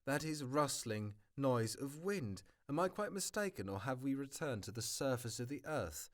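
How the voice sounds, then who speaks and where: A man's voice: medium pitch, expressive, moderate pace. A man reading a novel aloud as a hobby, often stumbling and restarting words. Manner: stumbles, restarts and corrects words, remarks on the text. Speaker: hobby audiobook reader. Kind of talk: amateur audiobook reading.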